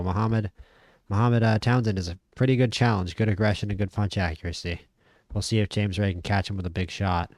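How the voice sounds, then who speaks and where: A man casually commentating a boxing management game, chatty and opinionated, stammering when he gets excited. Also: lowish voice, no echo, studio quality. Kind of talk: casual play-by-play commentary over a boxing sim.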